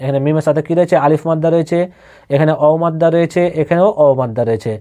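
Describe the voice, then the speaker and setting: A man teaching Quran reading who spells out syllables and then recites each word slowly, repeating it. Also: on the high side, mellow.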